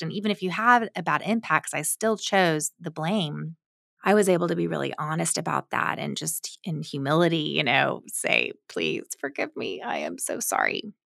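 A woman hosts a podcast. She tells a personal story in an animated way and acts out the lines she quotes. Her voice sits low with a gravelly rasp, recorded dry and close. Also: no echo. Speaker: podcast host. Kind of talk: storytelling monologue.

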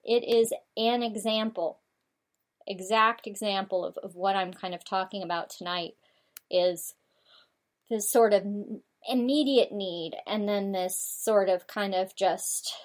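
A woman's voice: medium pitch, a little slow. A woman from the United States hosting her own talk show, rambling through her thoughts with many fillers and restarts. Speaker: show host. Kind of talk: casual talk show monologue.

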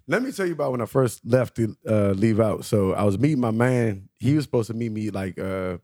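A man's voice: on the low side, expressive, a little fast, dark tone, no room sound. Rambling man telling a story, dry sound. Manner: rambling, full of fillers and restarts. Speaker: podcast guest. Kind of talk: casual storytelling.

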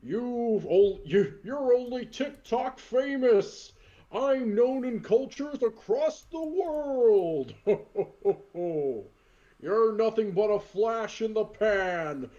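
A man voicing a burly old Santa Claus who boasts and sneers through a slow, emphatic wrestling promo. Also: sits high, lively intonation, warm tone, highs cut off, voice pushed up, heavily acted. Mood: boastful, scornful.

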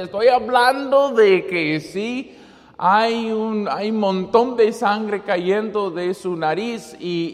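Man, missionary preacher, halting sermon, high voice, long hall reverb. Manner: halting, many fillers and restarts, acts out quotes. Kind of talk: sermon with a made-up story.

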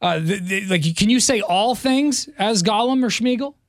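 A man's voice: sits high, expressive, moderate pace, no echo, studio quality. Upbeat male morning radio host. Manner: upbeat, joking. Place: radio studio. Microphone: studio mic.

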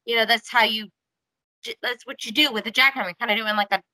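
A woman with a higher, bright voice tells a story in a casual chat. She talks in an animated way, with lots of "like" and "okay", and acts out the quotes. The recording is dry and close. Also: quick pace, dry recording, poor audio. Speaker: podcast host.

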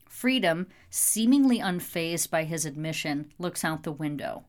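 Low-voiced woman narrating an audiobook. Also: animated, measured pace. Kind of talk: scripted narration.

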